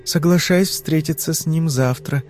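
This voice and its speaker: A man voicing a frightened young woman under hypnosis, answering in anxious, halting phrases. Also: on the high side, a little mellow, voice pushed up, natural voice. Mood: uneasy.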